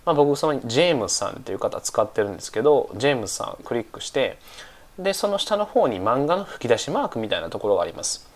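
In a relaxed English lesson, a man with a slightly stuffy nose from a cold speaks without hurry, leaning on fillers and going over phrases slowly. His mid-range voice is very animated.

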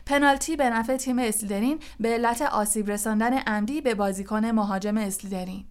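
A woman's voice: fairly high pitch, natural voice. A woman voicing a stern middle-aged female referee in an audiobook, formally announcing penalty rulings. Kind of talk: audiobook character voice.

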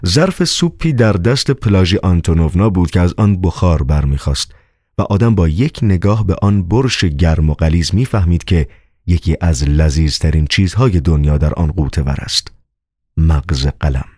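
Low lively guy reading an audiobook, expressive narration, dry close sound. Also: husky, dry recording. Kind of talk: scripted narration.

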